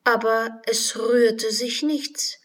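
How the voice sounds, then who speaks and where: A woman reading a children's storybook aloud, slow and measured, dropping to whispers at times. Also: fairly high pitch, steady tone, a bit bright. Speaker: narrator.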